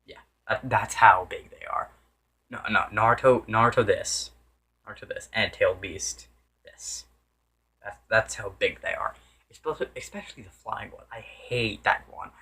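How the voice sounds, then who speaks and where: A man with a fairly low voice talks through a game review off the cuff. He rambles, restarts his sentences and corrects himself over and over. Now and then he loses track of what he meant to say. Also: fairly even intonation, a little slow, bright, forceful tone, slightly rough. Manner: loses his train of thought. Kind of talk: casual unscripted game review.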